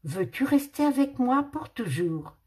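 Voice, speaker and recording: A bright, high little girl's voice put on by a woman, joyful and calling out. A storybook heroine full of cheer. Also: very animated, unhurried. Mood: cheerful. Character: cheerful brave little girl.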